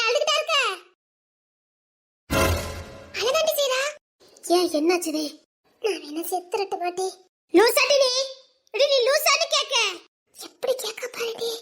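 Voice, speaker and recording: A woman's voice: extremely high pitch, a bit bright, full character voice. A young woman, playing a talkative, teasing village woman in a dialect drama. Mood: bantering.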